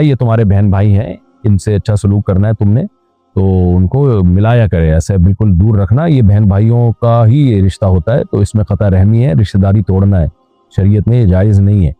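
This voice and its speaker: Plain-spoken scholar on a tinny line. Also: male voice, lowish voice, no echo. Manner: direct, advisory, plain-spoken. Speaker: Islamic scholar answering questions. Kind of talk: question-and-answer religious advice. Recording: tinny phone-like sound with faint music.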